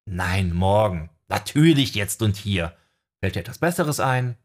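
An earnest young wind mage, a little sheepish about his own flaws, as a man reads him in an audiobook. The voice is low and husky with a breathy edge. It stays close to the narrator's own tone. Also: expressive, moderate pace. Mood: wry. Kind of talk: audiobook character voice.

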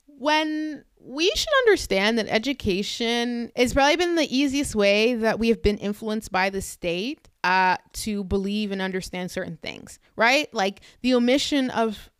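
A woman's voice: a little high, animated, a little slow, smooth, no room sound. A young woman from Canada hosting a podcast, talking through her views in an emphatic, conversational monologue with rhetorical questions. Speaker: podcast host. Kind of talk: casual commentary monologue.

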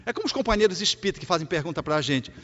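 A man's voice: high-pitched, lively intonation, racing, fairly bright tone. A man giving a Spiritist lecture, emphatic and repetitive, often acting out quoted voices. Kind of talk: public lecture. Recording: reverberant hall, dull lo-fi sound.

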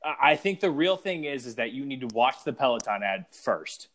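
A young man co-hosting a casual podcast, telling things in an animated way, laughing and sometimes losing his train of thought. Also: medium pitch, a little fast. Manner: animated storyteller, laughs and trails off mid-thought. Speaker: podcast co-host.

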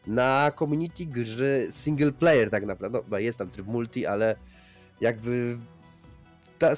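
A man's voice: mid-range voice, darkish tone. A man hosting a casual podcast discussion, talking in a rambling way and often repeating himself. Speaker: podcast host.

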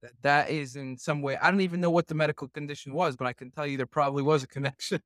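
A man's voice: a little high, fairly even intonation, fast, a bit bright, dry recording, clean studio sound. A man hosting a podcast interview, talking casually and hesitantly, with many fillers and restarts. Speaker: podcast host.

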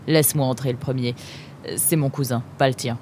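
Un renard mâle de livre audio, grande gueule et autoritaire, joué par une femme. Il lance ses répliques fort, avec une moquerie constante et une voix grave. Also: female voice, very deep voice, steady tone, a little fast, a little hiss or hum, pitched below the performer's own voice. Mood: bossy. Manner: loud, blunt, mocking. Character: male fox, brash, tactless, bossy.

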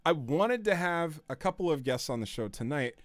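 A man's voice: fairly high pitch, moderate pace, dry recording. A man co-hosting a casual gaming podcast, joking around and reading listener questions aloud. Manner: animated, jokey, reads questions aloud. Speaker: podcast co-host.

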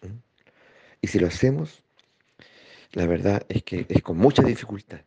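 A man giving a slow, reflective spiritual talk, pausing often and checking in with his listeners. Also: lowish voice, expressive, vocal fry, mellow, breathy edge. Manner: slow, thoughtful, with pauses and rhetorical checks. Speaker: spiritual teacher. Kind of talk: reflective spoken teaching. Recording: dull lo-fi recording.

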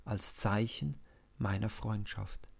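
A man voicing a loyal young prince who speaks gently and earnestly in a storybook reading. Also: on the low side, slow pace, vocal fry, heavily acted. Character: warm-hearted young prince, male, loyal friend.

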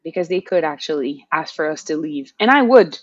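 A young woman from Haiti, a podcast guest speaking thoughtfully in a casual interview, pausing to find her words. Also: low-pitched, lively intonation, breathy edge, no room sound, highs cut off. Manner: thoughtful, with fillers and restarts.

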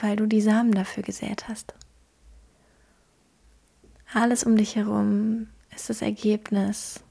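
Female meditation guide: hushed, husky-breathy near-whisper, gentle delivery with unhurried pauses. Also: medium pitch. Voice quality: soft, breathy. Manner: gentle, hushed, slow pauses between phrases. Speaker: podcast host guiding a meditation.

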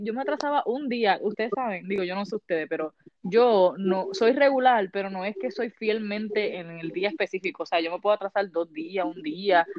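A woman's voice: mid-range voice, highs cut off. A woman telling a personal story in casual chat, mixing in English words. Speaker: podcast co-host.

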